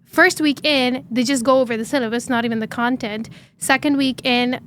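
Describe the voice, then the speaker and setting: A young woman from Dubai tells how her startup began, talking earnestly in long, animated stretches full of "um"s and "right?"s. Her voice sits on the higher side, and a faint hiss runs under the recording. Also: fairly quick. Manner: earnest, animated storytelling with many fillers. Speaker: startup founder guest. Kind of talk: interview conversation.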